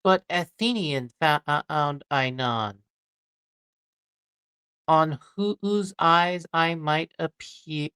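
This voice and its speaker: Puck, a woman reading a low, slow fairy. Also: a bit bright, clean tone, dry recording, clean studio sound. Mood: solemn. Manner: halting, stumbling over the verse. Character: mischievous male fairy servant, sly sprite. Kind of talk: amateur live-stream Shakespeare reading.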